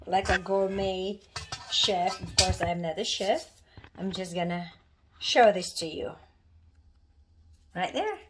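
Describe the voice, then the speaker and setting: A woman from the Philippines casually talking through a home cooking demonstration in her kitchen, rambling and restarting often. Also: mid-range voice. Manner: chatty, rambling, with many restarts and fillers.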